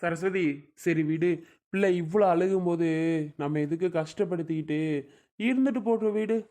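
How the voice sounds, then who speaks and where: Woman doing a tired patient dad, slow and calm, trying to keep the peace. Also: on the low side, lightly acted. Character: weary patient middle-aged father. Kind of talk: homemade family drama skit.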